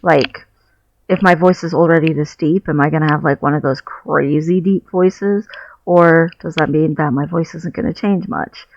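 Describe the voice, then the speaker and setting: Sitting on his bed at home, a vlogger records a candid, reflective video diary on a headset mic, searching for words as he goes. His slightly high voice holds a steady tone at normal speed with vocal fry, and the lo-fi audio sounds dull and muffled.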